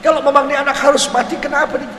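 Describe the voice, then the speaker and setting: A man in his seventies with a Betawi Jakarta accent, teaching a mosque sermon lesson in an animated way, acting out voices and asking the crowd questions. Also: extremely high pitch, racing, a little hiss or hum. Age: 70s. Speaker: preacher. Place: large mosque hall. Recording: echoey mosque hall with faint ambience.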